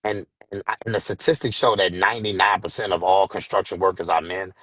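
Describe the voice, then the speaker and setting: A man's voice: low-pitched, steady tone, quick pace, a bit bright, slightly rough, no echo. A man co-hosting a casual live stream, arguing his opinion and restarting his sentences as he builds up the point. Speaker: co-host.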